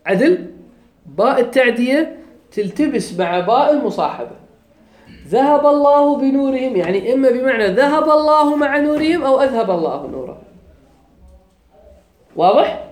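A man with a Kuwaiti accent delivers a grammar lecture in a reverberant room, moving step by step and often making sure his students follow. His voice is very high-pitched, expressive and slightly mellow.

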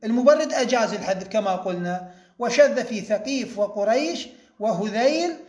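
A man teaching a grammar lesson, explaining step by step, repeating key points and slowing down to spell out each example. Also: high voice, animated, a little mellow, roomy sound.

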